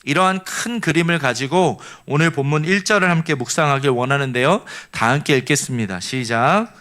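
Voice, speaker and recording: A man from Seoul preaching as a pastor, his voice sitting somewhat higher than most men's. He explains the text earnestly, step by step, and now and then asks the congregation to read or repeat lines with him. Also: brisk, fairly bright tone. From Seoul, South Korea. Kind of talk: sermon.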